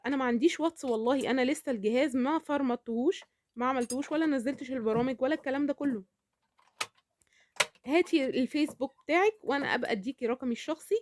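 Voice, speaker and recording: Fast-talking Egyptian woman vlogger. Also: sits high, dry recording. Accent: Egyptian Arabic. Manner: talkative, repeats herself, asks "okay?" often. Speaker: cooking vlogger. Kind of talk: casual chatty vlog.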